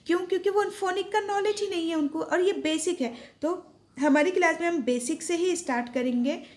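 A woman's voice: very high voice, a little fast. A woman with an Indian accent teaching a spoken English class, explaining patiently and repeating words for emphasis.

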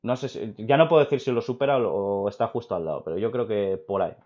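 A young man from Spain with a Spain Spanish accent, hosting a casual opinion chat and rambling excitedly with many restarts. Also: fairly low pitch, fast talker. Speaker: video host. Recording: dull lo-fi recording.

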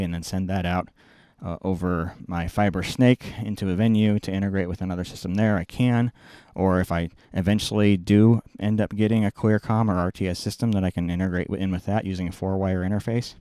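Explaining things step by step and often correcting himself, a middle-aged video production engineer gives an informal tutorial in a small indoor production control room. His low-pitched voice is smooth and dark, fairly even, fairly quick, with hardly any pauses. A close boom-mounted mic delivers studio-quality sound with no echo.

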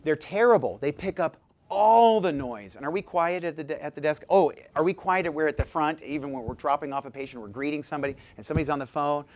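A man giving a live seminar talk as presenter, jokey and lively, quizzing his audience with questions. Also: on the high side, quick pace. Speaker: presenter at a dental practice seminar.

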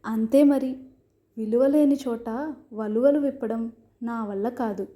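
A woman's voice: fairly high pitch, measured pace, warm tone, lightly acted. A woman voicing a proud, defiant young bride in a storybook reading, firm and indignant.

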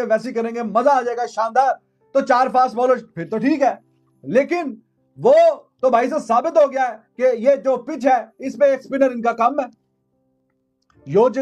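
A man's voice: very high voice, a little mellow. A man, giving sarcastic cricket commentary in a studio, mocking and repeating phrases for emphasis. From Pakistan. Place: indoor studio.

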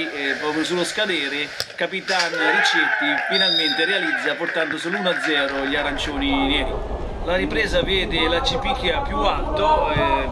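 A man commentating amateur football highlights, brisk play-by-play with frequent hesitations. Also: very noisy. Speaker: match commentator.

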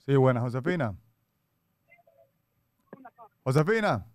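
This young Dominican radio host speaks at medium pitch, very animated yet slow, with no room sound. Making a prank call, he keeps up teasing, insistent comic banter into a close studio headset microphone.

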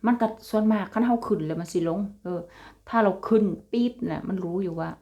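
A woman's voice: medium pitch, quick pace, mellow. A young woman with an Isan accent chatting casually to her viewers in a vlog, laughing often and calling them brothers and sisters. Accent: Isan (Northeastern Thai). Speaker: vlogger.

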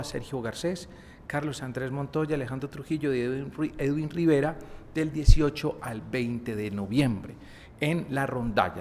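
A middle-aged man giving on-air announcements and a warm appeal for donations to a religious TV channel. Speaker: TV channel presenter. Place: studio set at a lectern. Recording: reverberant studio, faint rumble.

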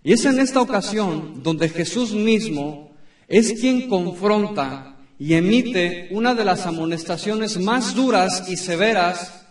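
A man's voice: sits high, lively intonation. Emphatic preaching man, echoey church. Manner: emphatic preaching with dramatic pauses and repetition. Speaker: pastor. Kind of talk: sermon. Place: church sanctuary. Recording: echoey room from a distance.

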